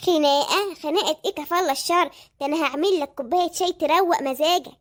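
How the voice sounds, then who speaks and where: A woman's voice: high voice, fast, natural voice. Woman voicing a gossipy Egyptian cartoon mom. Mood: teasing. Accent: Egyptian Arabic. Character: gossipy Egyptian cartoon mother, middle-aged.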